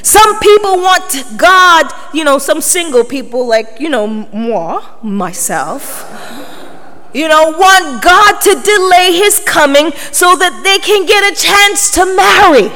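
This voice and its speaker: A woman's voice: very high voice, expressive, takes it slowly, sharp tone. A woman preaching a sermon, emphatic and full of rhetorical questions to her congregation. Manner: emphatic, rhetorical, often prompting the listeners. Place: large reverberant hall, preaching to a congregation. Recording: echoey hall with long reverb.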